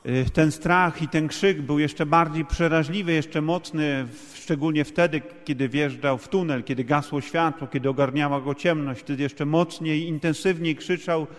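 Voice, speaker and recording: A man's voice: a little high, fairly even intonation, normal speed, few pauses. A man interpreting a sermon in a church, restating each point at length with fillers. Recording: long hall reverb.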